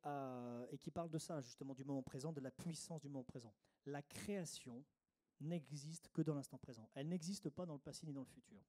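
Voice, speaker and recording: A man's voice: fairly high pitch, warm tone. A middle-aged man giving a workshop talk on meditation to a live audience, didactic, repeating his key phrases with frequent fillers.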